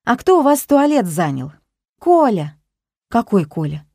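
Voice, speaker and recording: A woman voicing a calm, ironic mother who stays level in a noisy family scene, in a storybook reading. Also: fairly high pitch, unhurried, no echo, studio quality, pitched above the performer's own voice, full character voice.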